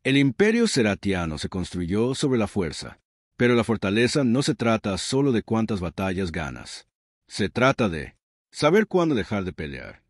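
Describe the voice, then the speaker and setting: A man voicing a stern, proud female alien queen in a sci-fi story reading, speaking calmly and firmly. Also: fairly low pitch, normal speed, dry recording, studio quality. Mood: solemn. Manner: calm and firm.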